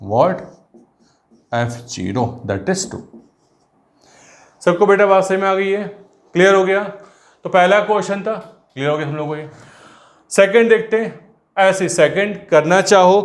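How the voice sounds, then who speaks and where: A man with a fairly high voice talks a class through a math problem, slipping between Hindi and English as he works it out. He calls the students "beta" and pauses as he writes. His voice rings in an echoey room. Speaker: math teacher. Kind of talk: online class lecture.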